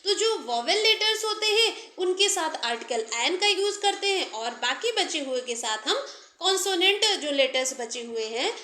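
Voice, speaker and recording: A woman's voice: very high-pitched, lively intonation, moderate pace, pushed and bright, echoey room, a little hiss or hum. A woman teaching an English grammar lesson in Hindi and English, explaining step by step while she writes.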